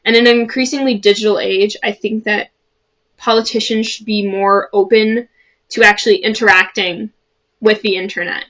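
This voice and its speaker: A woman's voice: mid-range voice, fairly even intonation, normal speed, fairly bright tone, muffled recording. A young woman from the Chicago suburbs, about to start college, talking earnestly to camera in a chatty vlog with many fillers and restarts. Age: young adult. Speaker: vlogger. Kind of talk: casual talk to camera.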